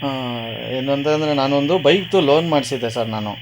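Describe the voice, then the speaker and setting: On a clearly noisy radio recording, a man with a medium-pitched voice speaks fairly quickly. He's pulling a prank call, posing as a confused customer who argues and keeps asking questions.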